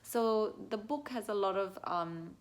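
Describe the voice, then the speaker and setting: A mother chats casually through a picture book review, her voice sitting in an ordinary middle pitch. When she reads aloud she is lively and playful, acting out the sound words and sometimes whispering. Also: unhurried.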